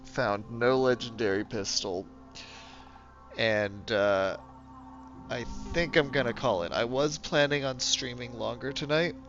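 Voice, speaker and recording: Streaming a game while congested and losing his voice, a man rambles casually and pokes fun at himself in a low-key manner. He speaks a little slowly with a slightly bright voice, over music on a dull lo-fi recording.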